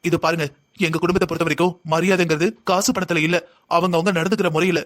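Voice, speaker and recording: Guy voicing a whole family arguing in a cartoon drama, high-ish voice, heated and rapid. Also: little pitch movement. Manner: heated, argumentative back-and-forth.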